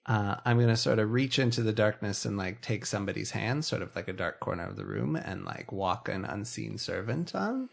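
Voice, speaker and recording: A man playing a tabletop game, talking in an excitable, emphatic way. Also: on the low side, fairly quick, vocal fry, few pauses. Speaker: player.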